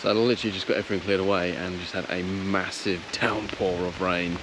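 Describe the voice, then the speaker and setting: A man talking casually and a little haltingly to his viewers in a relaxed, understated camping vlog, recorded outdoors in woodland. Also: deep voice. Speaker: vlogger. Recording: clearly noisy outdoor ambience.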